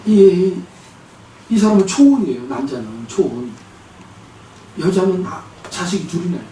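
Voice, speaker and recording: A male pastor preaching a sermon, animated, telling stories and acting out the quotes. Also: a little high, a little hiss or hum. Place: church sanctuary. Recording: echoey church hall, distant mic, faint ambience.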